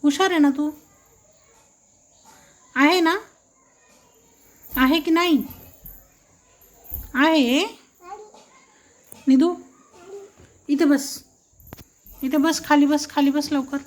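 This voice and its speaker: A woman with a high voice talks slowly and gently to a small child at home. She coaxes in baby talk and repeats every prompt over and over to get the toddler to answer. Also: steady tone. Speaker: family member coaxing a toddler to talk. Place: indoors at home.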